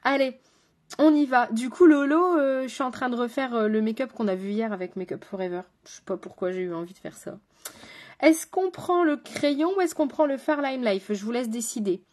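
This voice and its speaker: A woman's voice: a little high, expressive, fairly quick, darkish tone. A woman with a French accent, a makeup artist chatting with viewers while doing her makeup on a live stream. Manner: chatty, talks straight to viewers and chat.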